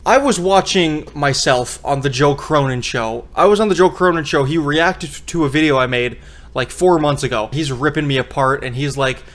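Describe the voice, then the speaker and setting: A man with a somewhat high voice talks through his wrestling opinions as a video creator. He is casual but emphatic, hammering phrases by repeating them. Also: a bit bright.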